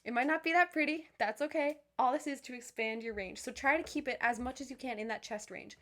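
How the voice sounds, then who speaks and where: A young woman who leads viewers through vocal warm-ups, encouraging and upbeat, with many fillers and restarts. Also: sits high, fairly quick. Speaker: voice teacher. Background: piano.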